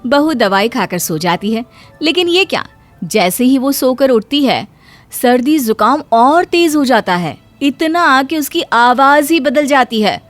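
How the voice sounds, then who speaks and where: A woman narrating a cartoon story in a lively storytelling manner. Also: high voice, a little slow, soft background music.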